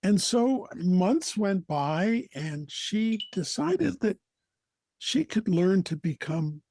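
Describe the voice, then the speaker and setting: A man with an American accent, telling a folktale as a storyteller, deliberate, with dramatic pauses. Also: high voice, sing-song, creaky, darkish tone, dry recording. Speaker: storyteller, co-host.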